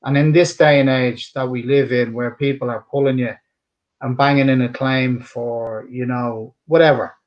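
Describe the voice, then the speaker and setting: A middle-aged man, a boxing and MMA cutman, is being interviewed and speaks with a somewhat polished Dublin Irish accent. His mid-range voice holds a steady tone at a moderate pace, though the highs are cut off. He answers earnestly and emphatically, rambling and restarting his sentences.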